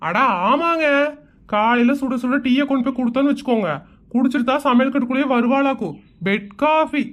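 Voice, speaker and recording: A woman's voice: high voice, a little fast, lightly acted. A woman voicing a smug, dismissive middle-aged village husband with a Kongu Tamil accent in a comic cartoon. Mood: scoffing. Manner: scoffing, dismissive.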